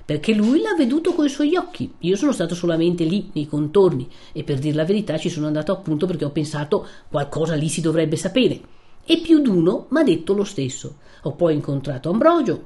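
A woman's voice: lowish voice, sing-song, fairly quick, dark tone. A woman reading aloud, voicing a determined young village man who speaks plainly and firmly. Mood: eager. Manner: resolute, plain-spoken. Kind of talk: reading a classic novel aloud.

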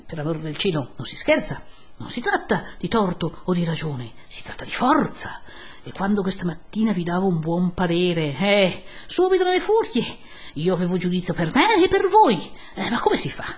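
A woman's voice: mid-range voice, lively intonation, takes it slowly, husky, heavily acted. A woman voicing an elderly, timid male country priest who pleads and scolds in a fretful way. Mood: scolding, aggrieved. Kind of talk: audiobook character voice.

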